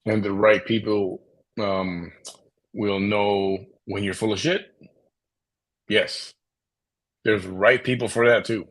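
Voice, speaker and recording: A man's voice: on the low side, fairly even intonation, slow, long pauses, fairly bright tone, poor audio. A man hosting a livestream, making dry sarcastic quips in casual chat. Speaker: host of a livestream.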